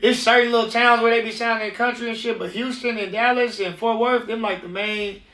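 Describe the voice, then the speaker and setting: A man's voice: very high voice, fairly even intonation, a little fast, pushed and bright, distant mic. A man from California, a recording artist, talking as a guest in a casual interview, telling loose slangy stories and acting out the voices of people he quotes. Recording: roomy sound, voice set back from the mic.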